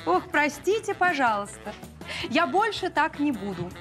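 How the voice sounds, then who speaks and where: A stern female boss who mocks her employee with sharp sarcasm. Her voice sits high and moves up and down a lot. Loud background music runs under the clip. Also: very animated. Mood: mocking. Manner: mocking, sharp. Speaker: boss in a comedy series.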